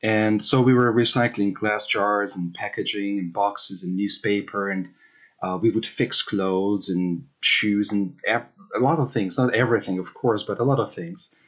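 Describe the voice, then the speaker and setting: A man's voice: on the low side, fairly even intonation, normal speed, a bit bright. A man from Hungary in his thirties, a researcher answering interview questions thoughtfully, with many fillers and restarts.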